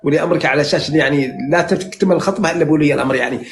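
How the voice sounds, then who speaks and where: A man in his sixties speaks with a Najdi Saudi accent, rattling on at a very fast clip in a slightly high voice. He rambles and flatters, stacking fillers and restarting his sentences. He is talking into a phone on a live stream. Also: vocal fry, a little hiss or hum. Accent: Najdi Saudi Arabic. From central Saudi Arabia. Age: 60s. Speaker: dream interpreter on a live stream. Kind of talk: casual live chat.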